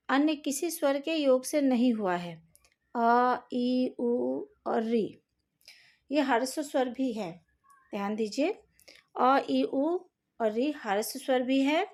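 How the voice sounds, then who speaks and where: A woman teacher with a high voice talks slowly and deliberately through a recorded lesson. She pronounces each sound with care and addresses her students directly. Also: a little mellow. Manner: careful, slow, spells out each vowel sound; speaks to students directly, asks them to fix slides. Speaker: Hindi teacher.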